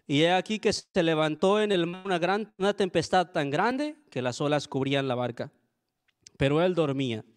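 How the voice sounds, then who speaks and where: A man's voice: a little high, animated, moderate pace. A young adult man, a pastor, preaching a sermon in an earnest, conversational way, often turning to his listeners with asides.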